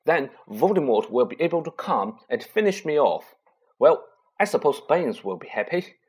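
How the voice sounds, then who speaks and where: A man doing a high, feverish, frightened young boy. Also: very animated, normal speed, darkish tone, slightly rough. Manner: urgent, breathless, raised delivery. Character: frightened, feverish boy wizard, about eleven.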